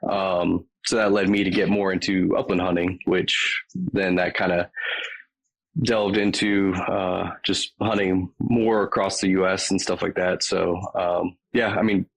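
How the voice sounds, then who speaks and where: A man's voice: sits low, little pitch movement, measured pace, vocal fry, poor audio. A man with a Southern US accent, a podcast guest chatting casually and rambling with many ums. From Virginia. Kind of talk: casual chat.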